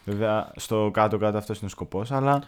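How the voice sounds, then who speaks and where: A man co-hosting a comedy podcast, chatting casually and halting often with restarts. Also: fairly low pitch, smooth. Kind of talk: casual chat.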